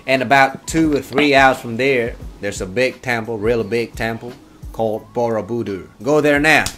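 A man's voice: mid-range voice, normal speed, a bit bright. Young indonesian guy in his 20s flipping through silly accents, music going behind him. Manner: constantly switching put-on accents, playful. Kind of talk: comedic accent showcase video. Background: background music.

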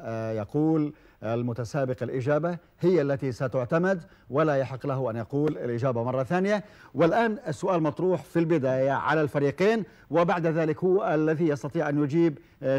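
A man hosting a televised quiz show, formal and measured, with frequent hesitation fillers. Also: mid-range voice, darkish tone. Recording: old television broadcast recording.

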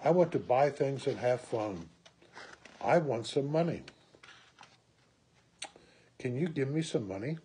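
Needy grown boy, played by a man, storybook reading, plain demanding manner, unhurried, faint background noise. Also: medium pitch, lively intonation, mellow, natural voice. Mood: wanting. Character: needy boy grown older, wanting things.

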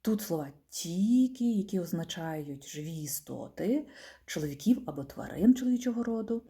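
A woman teacher explaining a German grammar point patiently, often letting the ends of phrases fall soft and quiet. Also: lowish voice, lively intonation, moderate pace.

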